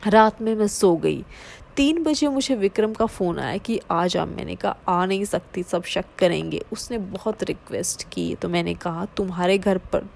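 A woman reading a first-person story aloud in a steady, low-key way. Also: normal speed, vocal fry. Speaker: narrator.

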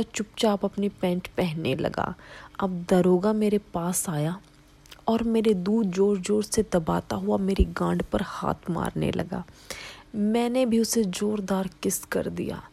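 Woman whispering a story, slow, dark gravelly voice. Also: medium pitch. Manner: hushed, breathy whisper.

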